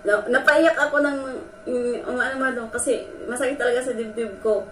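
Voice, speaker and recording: A woman's voice: fairly high pitch, fairly even intonation, fairly quick, a bit bright. A woman vlogger telling a personal story, earnest and emotional, talking straight to her viewers. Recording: echoey room from a distance with faint noise.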